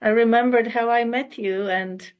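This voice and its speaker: A woman from the audience speaking gently and haltingly to the teacher. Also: fairly high pitch, fairly even intonation. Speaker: audience member.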